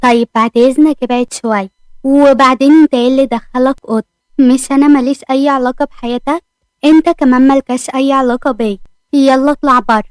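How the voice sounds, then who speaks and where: A woman's voice: high voice, fairly even intonation, fast, darkish tone, no room sound, natural voice. A woman doing a bossy, arrogant young husband, Egyptian. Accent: Egyptian Arabic. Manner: teasing, bossy.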